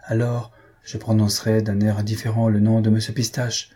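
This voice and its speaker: A husky-voiced man reading aloud, voicing a scheming, self-important middle-aged mother in a storybook. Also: lowish voice, little pitch movement, moderate pace, warm tone.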